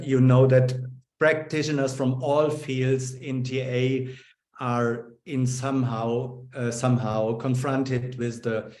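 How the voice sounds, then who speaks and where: Male webinar host, slow and hesitant, echoey room over a video call. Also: mid-range voice, a little mellow. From Germany. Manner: halting, with many fillers and restarts.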